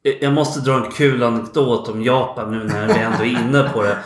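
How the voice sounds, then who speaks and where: A man hosting a casual podcast, telling relaxed anecdotes with casual swearing. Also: medium pitch. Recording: echoey room.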